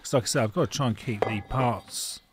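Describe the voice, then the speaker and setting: A man's voice: mid-range voice, a little fast. Middle-aged man, home mechanic, casual wry garage narration, faint background noise. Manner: wry, frank, thinking aloud with fillers. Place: indoor garage workshop. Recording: faint noise and tool clicks.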